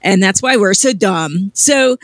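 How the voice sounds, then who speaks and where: A woman's voice: mid-range voice, lively intonation, measured pace, no echo, studio quality. A woman hosting a casual film discussion, enthusiastic and laughing often.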